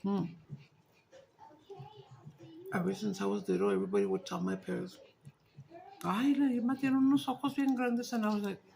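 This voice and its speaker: A woman with a Chicano English accent and a gravelly, fry-edged voice talks casually to viewers. She rambles frankly, swears, and switches between English and Spanish. There is faint noise behind her. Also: mid-range voice, steady tone, moderate pace, long pauses, mellow. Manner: rambling, candid, profane. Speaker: mukbang vlogger. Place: small dining and living room at home.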